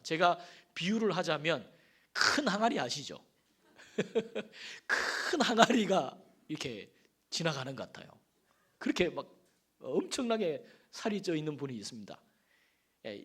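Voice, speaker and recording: A man preaching a Sunday sermon in a church, swelling his voice for emphasis, asking the congregation questions and telling folksy stories. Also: a little high. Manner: folksy storytelling with asides and affirming "yes". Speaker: pastor. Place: church sanctuary.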